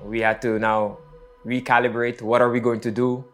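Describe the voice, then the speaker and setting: A man speaks slowly and thoughtfully, pausing and restarting as he recounts his own faith testimony. His voice sits in an ordinary middle pitch, and faint music plays beneath it. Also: level tone. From Netherlands. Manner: reflective, halting with frequent fillers. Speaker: missionary.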